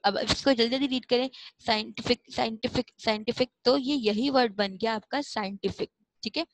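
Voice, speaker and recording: A woman teacher explaining a lesson to schoolchildren, drawing words out slowly and repeating them in a patient, coaxing way. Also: on the high side, background noise. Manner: slow, repetitive, coaxing explanations. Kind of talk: classroom lesson.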